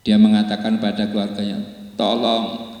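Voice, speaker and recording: A man preaching a sermon and telling a moral story, rising to high, emotional pleading tones. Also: normal speed. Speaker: Islamic preacher. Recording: echoey hall with long reverb.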